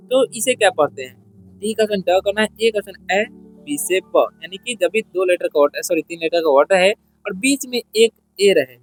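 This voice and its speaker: High-voiced man teaching beginner English. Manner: asks rhetorical questions and answers them, repeating each point. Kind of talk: spoken-English lesson for beginners.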